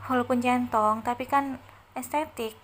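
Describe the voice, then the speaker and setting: Woman voicing a scheming middle-aged mother, brash, shameless, higher voice. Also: steady tone, normal speed, a bit bright, a little hiss or hum, lightly acted.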